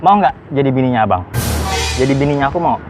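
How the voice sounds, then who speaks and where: A man's voice: mid-range voice, expressive, fast, darkish tone, faint music behind. A man acting in a comedy sketch, cheeky and joking as he flirts.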